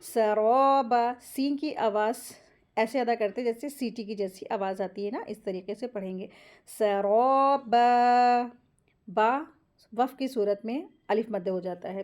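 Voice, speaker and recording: A woman teaching Quran recitation rules step by step, drawing out each recited word slowly and pausing to check in with her listeners. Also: medium pitch, dark tone. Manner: often checks in with short asides. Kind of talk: tajweed lesson, explaining pronunciation rules.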